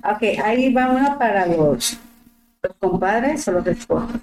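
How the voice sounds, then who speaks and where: A woman with a Mexican accent, co-hosting a casual chat and telling stories in a frank, slangy, animated way. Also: a little high, measured pace. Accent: Mexican Spanish. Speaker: podcast co-host. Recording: roomy echo.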